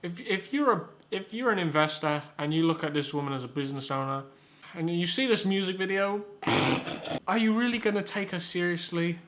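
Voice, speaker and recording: A young man hosts a comedic YouTube review, rambling and sarcastic, with stammered restarts and casual swearing. His voice is high and fairly bright, at a moderate pace.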